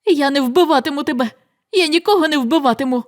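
A woman's voice: high-pitched, animated, slow. Woman voicing a desperate young man turning beast. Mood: anguished. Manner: desperate, shouting in pain. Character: young man fighting his beast change.

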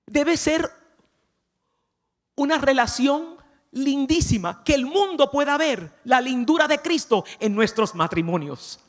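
Speaking slowly in a high, expressive voice, a woman gives a playful, conversational sermon at a church conference and keeps asking the crowd questions. The big hall leaves a long reverb on everything she says.

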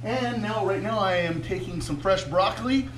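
A man's voice: high voice, moderate pace, a little hiss or hum. A man in his forties hosting a cooking show, chatting enthusiastically to viewers as he cooks in a kitchen. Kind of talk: casual cooking demonstration. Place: home kitchen studio, indoors.

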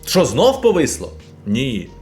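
A man streaming and commenting casually on a game, excitable, bursting into loud exclamations. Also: mid-range voice, measured pace, soft background music.

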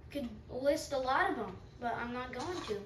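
A woman's voice: high voice, animated, moderate pace. A woman with a stuffy nose giving rambling, self-mocking commentary while playing a game. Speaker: gaming channel host. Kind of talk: let's-play commentary. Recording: roomy, distant mic, faint background hum.

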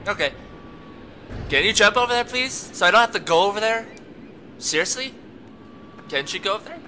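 A young man giving let's play commentary, excitable and talking to the game's characters as he plays. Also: sits high, normal speed, a little hiss or hum. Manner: excitable, talks to the game characters, laughs a lot. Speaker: gamer.

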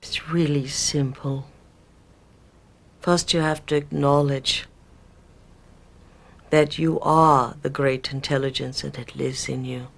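A woman voicing an ancient male spirit with a put-on British accent, speaking in slow, solemn, archaic phrases. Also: a bass voice, fairly even intonation, creaky, pitched below the performer's own voice, heavily acted. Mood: instructive. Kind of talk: channeling performance.

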